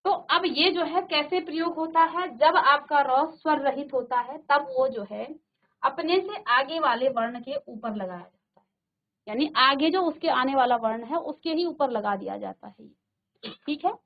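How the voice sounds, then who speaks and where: Brief: high-pitched woman teacher from a virtual-classroom studio, patient, repeats sounds for the class, narrow phone-like audio. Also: measured pace. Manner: drills sounds by repeating them, checks with "ठीक है". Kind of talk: classroom grammar lesson.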